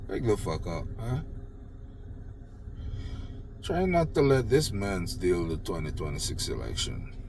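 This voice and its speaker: Speaking into his phone in a Jamaican accent, this older political commentator from Jamaica delivers an unedited, sarcastic political rant full of mocking praise and free swearing. His deep voice has a sing-song lilt, moves a little slowly, and leaves long pauses, with background noise behind it.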